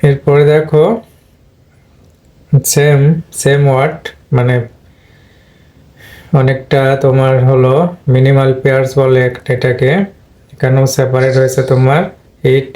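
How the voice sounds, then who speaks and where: Slow, flat-voiced Bangladeshi teacher. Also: male voice, mid-range voice. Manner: slow and repetitive, drawing out the words he demonstrates. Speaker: English pronunciation teacher. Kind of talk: slow, deliberate explanatory lesson.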